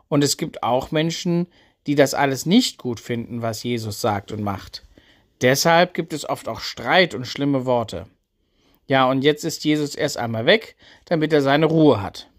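A man telling a Bible story for children. He speaks in short, simple sentences with a gentle, steady storytelling manner. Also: on the high side, a little slow.

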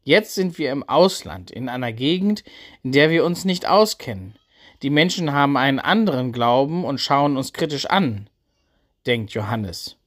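A man narrating a Bible story for children in simple, gentle sentences. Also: medium pitch, lively intonation, normal speed.

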